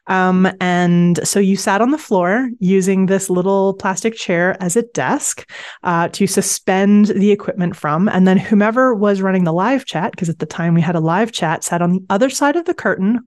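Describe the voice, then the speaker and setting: A woman's voice: medium pitch, normal speed, a little mellow. A woman podcast host chatting casually and looking back in a conversational way. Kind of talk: casual reminiscing podcast chat.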